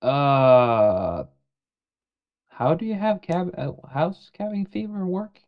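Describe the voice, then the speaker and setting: A man's voice: a little high, expressive, takes it slowly, muffled recording. A man co-hosting a podcast over a remote call, teasing the others and making fun of himself. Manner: teasing, self-mocking. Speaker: podcast co-host. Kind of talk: casual chat.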